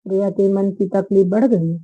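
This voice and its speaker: A woman storyteller reads a romance story aloud at a steady, even pace. Her voice sits in a middle pitch. The recording is narrow and tinny, like a phone line. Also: normal speed. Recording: phone-like narrow band audio.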